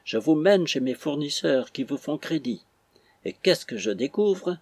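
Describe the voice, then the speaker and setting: A bullying, indignant captain hurls accusations, as a man puts him on in a raised, husky voice. The reading is dry and close, a storybook told aloud. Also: fairly high pitch, animated, measured pace, a little mellow, dry recording, full character voice. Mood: sneering. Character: blustering Dublin captain, indignant swindler.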